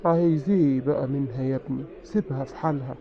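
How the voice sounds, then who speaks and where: A man's voice: mid-range voice, quick pace, some chatter behind, pitched below the performer's own voice, close to an everyday voice. A man playing a soothing Egyptian mother. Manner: soothing, calming. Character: older mother, soothing and calm. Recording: dull lo-fi sound.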